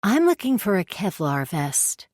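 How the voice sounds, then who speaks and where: A woman's voice: medium pitch, big pitch swings, a little slow, a little mellow, no room sound, clean studio sound, voice pushed up. A woman narrator voicing a guarded, secretive young woman who gives short, evasive answers in an audiobook. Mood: polite. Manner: terse, evasive replies.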